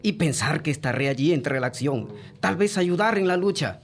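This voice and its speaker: A man's voice: fairly high pitch, expressive, normal speed. A man playing a proud, hotheaded young man. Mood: eager. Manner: eager and defiant. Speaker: young man in a testimony radio drama, also its first-person narrator. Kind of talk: radio drama acting and first-person narration.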